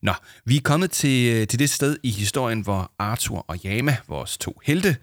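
A man's voice: medium pitch, lively intonation, no echo, studio quality. A man reading a children's story aloud for his podcast, casual and self-deprecating between chapters. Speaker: podcast host and reader.

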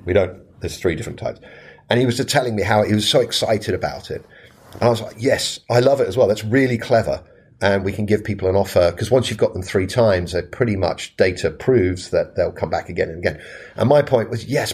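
A man's voice: sits low, darkish tone, slightly rough. A man who runs a restaurant business, chatting on a panel and telling a story while acting out the quoted lines with self-mocking humour. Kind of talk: casual panel chat.

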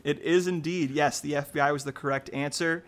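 A man's voice: a little high, steady tone, a bit bright. Upbeat man hosting a trivia game. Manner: upbeat, chatty, reads questions slowly. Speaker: quiz host. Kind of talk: casual quiz hosting.

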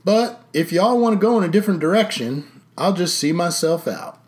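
A man's voice: high voice, animated, normal speed, voice pushed up. A man voicing a sixty-three-year-old small-town sheriff who speaks in a folksy, wry drawl. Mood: forceful.

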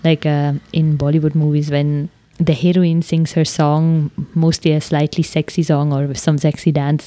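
In a dry recording with no room sound, a low-voiced, mellow woman muses through a personal reflection. She hosts a podcast, grew up speaking Swiss German, and sounds thoughtful and searching, peppering her speech with "like."

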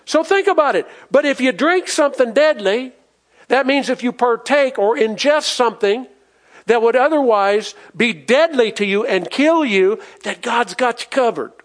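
A man's voice: extremely high pitch, lively intonation, normal speed. A pastor preaching a sermon to his congregation, reading scripture aloud and asking the people questions. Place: church in front of a congregation.

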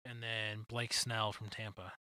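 A young man hosting a casual podcast chat, teasing and quick to laugh. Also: fairly low pitch, flat delivery, bright, forceful tone, no room sound. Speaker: podcast host.

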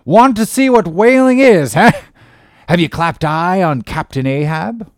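A man voicing a gruff, suspicious old male sea captain who blusters loudly in old-fashioned speech. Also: animated, unhurried, no room sound, studio quality. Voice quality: loud, booming, archaic speech.

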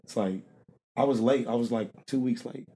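A man's voice: mid-range voice, normal speed, mellow. A man being interviewed in a casual, rambling conversation, laughing often and restarting his sentences. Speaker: interview guest, rapper and producer.

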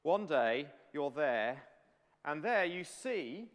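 Brief: male preacher, animated storytelling sermon, long church reverb. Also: a little high, takes it slowly. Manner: animated storytelling, addresses listeners directly.

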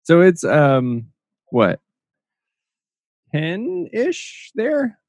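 A man's voice: a little high, huge pitch swings, very slow, creaky, a little mellow, no room sound. A man hosting a podcast, talking casually in a rambling way and laughing often. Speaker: podcast host.

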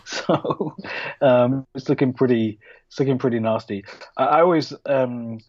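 A man's voice: mid-range voice, measured pace, no room sound, muffled recording. A man co-hosting a sports podcast, chatting casually with lots of fillers and restarts. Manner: hesitant, many fillers and restarts. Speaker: podcast co-host.

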